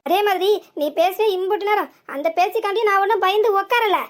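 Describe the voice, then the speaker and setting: A woman voicing an angry, stubborn village man with a southern Tamil Nadu accent, scolding in long reproaches. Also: very high-pitched. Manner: heated scolding, drawn-out reproach. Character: hot-tempered grown village man, hurt and stubborn.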